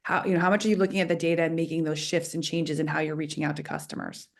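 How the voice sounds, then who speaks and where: A woman moderating a webinar panel, relaxed as she puts audience questions to the guests. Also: deep voice, very fast.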